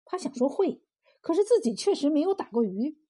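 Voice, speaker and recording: A woman telling a folk tale in measured, expressive narration. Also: high-pitched. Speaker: storyteller.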